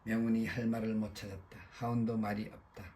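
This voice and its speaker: A male audiobook narrator with a mellow, dark voice and very little pitch movement. He reads in a steady, even way over a faint hiss. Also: a little fast.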